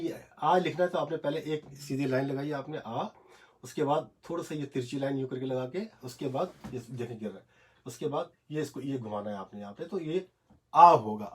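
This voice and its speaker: A man teaching Japanese script in a casual, halting home video lesson, recorded on a phone in a small cramped room. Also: a little high, darkish tone, husky. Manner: hesitant, many fillers, repeats syllables slowly.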